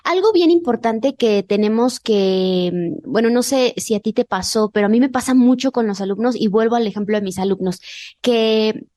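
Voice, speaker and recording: A woman hosting a podcast, asking questions and explaining in a relaxed way with many fillers. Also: fairly high pitch, normal speed, no room sound, clean studio sound. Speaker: podcast host. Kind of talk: casual podcast interview.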